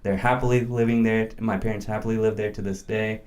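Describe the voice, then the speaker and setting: A man in his early thirties who grew up in India speaks as an interview guest in a casual conversation. His lowish, a little mellow voice barely moves in pitch and runs fairly quick, and he thinks aloud thoughtfully with frequent fillers and restarts.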